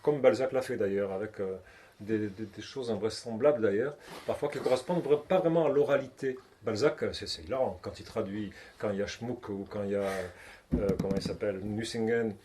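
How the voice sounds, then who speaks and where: A man's voice: on the low side, a little fast, mellow, a little hiss or hum. A man, a translator, speaking in a bookshop conversation, hesitant with many restarts and fillers.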